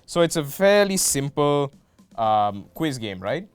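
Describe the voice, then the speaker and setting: A man's voice: a little high, sing-song, slow, clean tone, no room sound, soft background music. Playful young male game show host. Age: young adult. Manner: playful, jokey asides. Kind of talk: hosting a student game show.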